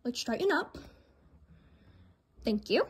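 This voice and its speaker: A woman's voice: a little high, very animated, slow, slightly rough. A young woman recording a casual barn vlog on her phone, chatting to viewers and explaining each step of grooming and tacking up her horse. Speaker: vlogger. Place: indoor horse barn aisle and stalls. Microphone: phone camera, held or propped nearby.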